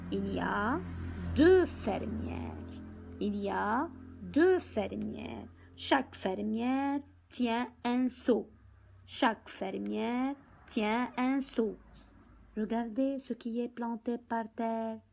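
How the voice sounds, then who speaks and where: A woman teaching young children from a picture book, speaking slowly and deliberately, repeating words and counting aloud. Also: a little high, gravelly, darkish tone, rough recording.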